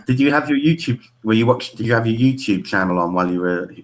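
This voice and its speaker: A man's voice: medium pitch, expressive, fast talker. A middle-aged man acting as stand-in host, chatting casually over a video call and rambling with lots of "you know".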